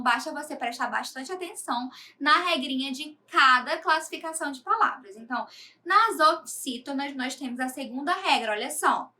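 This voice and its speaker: A woman's voice: high-pitched, sharp tone. A Brazilian woman teaching a grammar lesson to children, patiently explaining step by step and often checking in with her students. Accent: Brazilian Portuguese.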